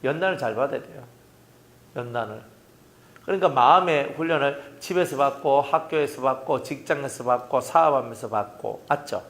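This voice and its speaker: A man's voice: mid-range voice, normal speed, fairly bright tone. A middle-aged man with a Gyeongsang accent, preaching a sermon as pastor in a folksy, joking way, often asking the congregation questions. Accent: Gyeongsang Korean.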